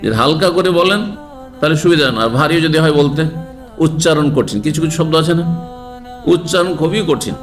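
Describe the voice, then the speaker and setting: A man's voice: a little high, animated, fairly quick, soft background music. A man, an Islamic scholar giving a religious lecture who explains and asks the audience rhetorical questions.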